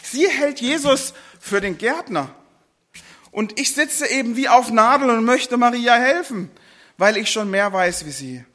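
A man preaches with a high, bright voice. He retells the story with lively feeling, briefly acting out the people in it in a sermon style. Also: a little slow.

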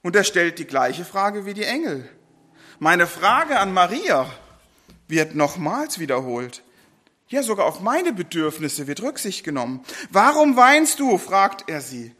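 Bright, high-pitched man preaching. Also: measured pace. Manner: lively retelling that briefly voices the people in the story. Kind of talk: sermon.

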